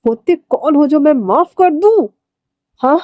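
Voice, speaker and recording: A woman voicing a bitter, furious young man who was wronged, shouting accusations in a storybook reading. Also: high voice, expressive, takes it slowly, no room sound, lo-fi sound, pitched above the performer's own voice. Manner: shouting accusations, stammering in shock.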